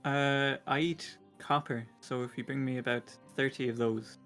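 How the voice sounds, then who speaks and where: A man's voice: mid-range voice, fairly even intonation, moderate pace, a bit bright, faint music behind. A man playing in a tabletop game, speaking with wry, dry understatement. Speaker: player. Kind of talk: casual tabletop play.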